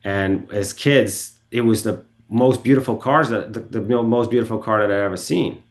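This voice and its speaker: In a podcast studio, a Bulgarian man tells car stories as a guest in a casual interview. His fairly low voice moves at normal speed while he rambles, corrects himself, and fills the talk with ums and restarts.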